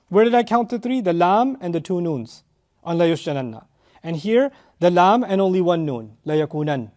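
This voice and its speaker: A man giving a tafsir lecture, explaining Arabic grammar with animated rises in emphasis, on a lapel mic. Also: high voice. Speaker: Quran teacher.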